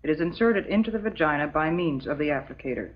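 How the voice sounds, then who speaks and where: The clip, from an old educational film, has a low-voiced American actress playing a calm, motherly substitute teacher. She gives a scripted lesson in a patient, instructive way, prim and measured, over dull, muffled audio.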